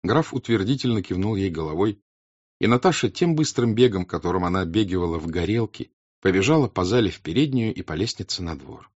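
A man with a husky voice narrating a novel in a scripted reading. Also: low voice, lively intonation, fairly quick, a little mellow. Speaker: audiobook narrator. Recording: slightly dull, dry recording.

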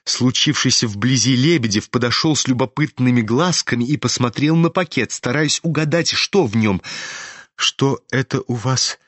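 A man narrating a classic novel in a measured, even storytelling voice. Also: medium pitch, dry recording. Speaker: audiobook narrator. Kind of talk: literary audiobook narration.

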